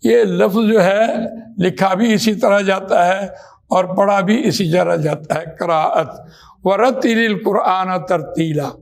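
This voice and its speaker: A man teaching how to read the Quran, explaining terms step by step and slowing down to recite verses. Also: high-pitched, steady tone, gravelly. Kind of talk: religious lesson.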